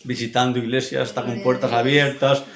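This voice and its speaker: Emphatic Spanish preacher in an echoey hall. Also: male voice, mid-range voice, level tone, brisk, fairly bright tone. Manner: emphatic, repetitive, frequent tag questions. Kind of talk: sermon.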